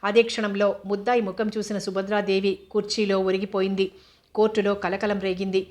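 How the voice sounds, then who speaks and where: A woman narrating a novel with a steady storytelling manner. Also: mid-range voice, fairly quick. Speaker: audiobook narrator.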